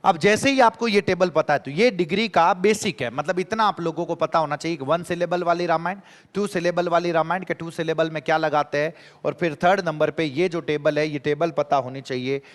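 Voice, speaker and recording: A man teaching an exam-prep grammar lesson, animated, repeating key phrases and quizzing his students. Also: fairly high pitch, a little fast, big-room sound.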